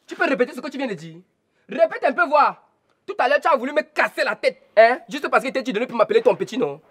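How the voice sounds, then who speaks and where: An actor playing a cheeky younger brother who talks back and taunts. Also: male voice, very high voice, lively intonation, quick pace, fairly bright tone, slightly rough, heavily acted. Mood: taunting. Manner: cheeky, provocative.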